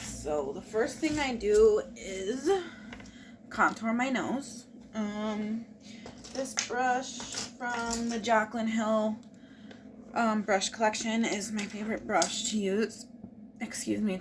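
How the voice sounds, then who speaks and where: A woman's voice: medium pitch, noisy background. A woman casually walking viewers through her makeup routine, explaining each step as she goes. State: hiccuping. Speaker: beauty vlogger.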